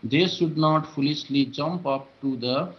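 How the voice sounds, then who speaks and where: A man reading a religious text aloud to a class, in a halting, hesitant way with many filler sounds. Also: on the high side. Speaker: student reader. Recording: dull lo-fi recording.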